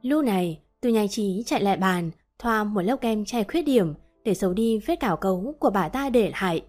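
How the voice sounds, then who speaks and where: A young woman reads a romance story aloud in the first person, calm and gentle, at a middle pitch. Soft background music plays quietly under her voice. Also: fairly quick. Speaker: narrator. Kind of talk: scripted narration of a romance story. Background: faint background music.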